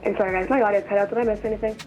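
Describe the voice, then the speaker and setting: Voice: medium pitch, steady tone, very fast, darkish tone, dull audio, faint music behind. An air traffic controller in a flight simulation, reading clipped radio calls over a connection that keeps breaking up. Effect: radio audio breaking up and cutting out.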